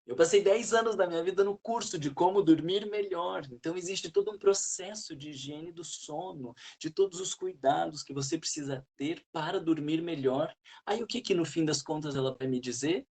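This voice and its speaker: A man's voice: a little high, moderate pace, few pauses, darkish tone. A man leading a spiritual study group, talking in an earnest, reflective way and putting questions to the group.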